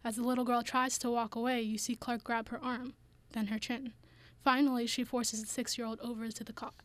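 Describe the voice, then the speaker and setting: A woman reads a scripted news report in a fairly high, very even voice. The sound is dry, with no room around it. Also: brisk, no echo.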